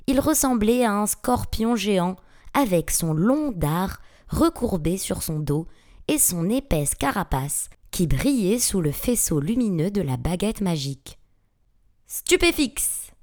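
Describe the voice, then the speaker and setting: A woman narrating a fantasy audiobook with dramatic, expressive storytelling. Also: fairly low pitch. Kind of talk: audiobook reading.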